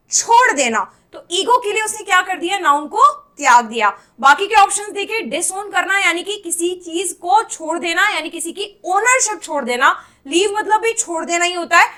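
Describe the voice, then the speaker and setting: Woman, very high bright voice, teacher drilling vocabulary with call-and-answer. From India. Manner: quizzing students with repeated questions and answers. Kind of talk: exam-prep English vocabulary lesson.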